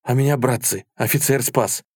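A man's voice: medium pitch, normal speed, darkish tone, husky, no room sound, clean studio sound, pitched above the performer's own voice, lightly acted. A man reading aloud, voicing a tall, awkward soldier eagerly retelling a battle.

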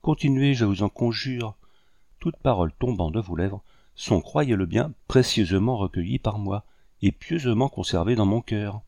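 A man voicing a proud, sorrowful rebel commander who speaks courteously, gravely and with bitterness. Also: on the low side, normal speed, dark tone, no room sound. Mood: eager devotion.

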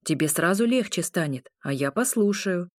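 A woman voicing a caring old grandfather who grumbles yet speaks gently, in a storybook reading. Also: lowish voice, expressive, normal speed, no echo, studio quality, natural voice. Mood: coaxing.

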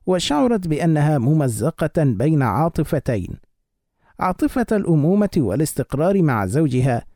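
Give me a male audiobook narrator, mellow, somewhat high, in a dry room. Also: no echo.

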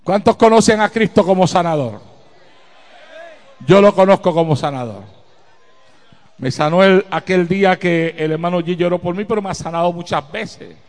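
A middle-aged man preaching a sermon as pastor, telling a testimony slowly and rising to shouts. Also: sits high. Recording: long reverb of a hall.

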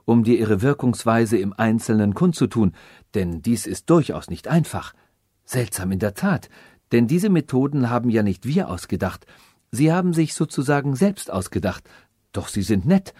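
A young prince in a storybook, posing as a human, explains himself earnestly and at length, read by a man close to his own voice. Mid-pitched and dry. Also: dark tone, husky, no room sound. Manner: earnest, long-winded explanations.

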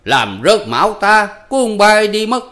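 A man performs a full character voice as an old male theatre troupe manager, jovial and commanding, bellowing in a theatrical, declaiming style. His voice is pushed up high, bright, forceful and very animated, though the pace is a little slow.

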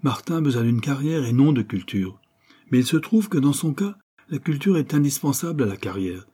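A man reading the part of a frank young man who argues in a brisk, sardonic way. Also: mid-range voice, big pitch swings, dark tone, husky, pitched above the performer's own voice. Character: frank, blunt young man, mocking lecturer.

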